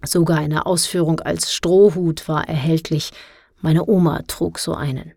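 A woman narrating an audiobook in a steady, clear reading voice. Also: deep voice, a little slow, dry recording, studio quality.

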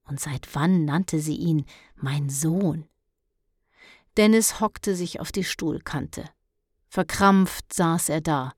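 A woman narrating a children's story in a calm, expressive reading. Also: low voice, takes it slowly, dry recording, studio quality.

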